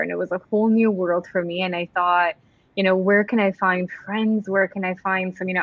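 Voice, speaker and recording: A Serbian organizational psychologist co-hosts a conversational show, introducing a guest effusively over a remote online call. Her voice is medium-pitched, and the dry recording has dull, lo-fi call audio.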